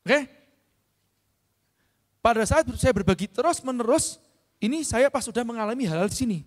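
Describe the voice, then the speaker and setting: A middle-aged man. He keeps asking whether they follow and clears his throat often. His voice rings with the long reverb of a large hall. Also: very high voice, expressive, moderate pace. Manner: checks understanding with frequent tag questions. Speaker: business speaker. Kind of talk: motivational seminar talk.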